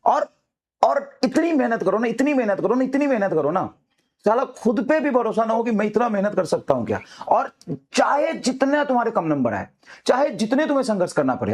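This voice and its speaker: High-pitched man, teacher, fiery motivational talk to students, hammers the same lines again and again. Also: darkish tone, breathy edge. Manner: fiery, repetitive exhortations.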